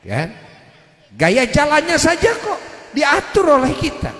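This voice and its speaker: A man's voice: extremely high pitch, huge pitch swings, slow. A man delivers a sermon. He keeps checking with his listeners and raises his voice sharply to drive points home. The sound is roomy and rings with a long hall reverb. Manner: keeps asking the audience "ya kan?", with sudden loud emphatic bursts. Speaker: Islamic preacher.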